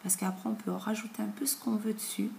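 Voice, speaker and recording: A woman's voice: medium pitch, flat delivery, fast talker, creaky, a little mellow. Chatty woman reviewing beauty boxes. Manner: chatty, with many fillers. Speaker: beauty vlogger. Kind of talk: casual product review. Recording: echoey room with faint noise.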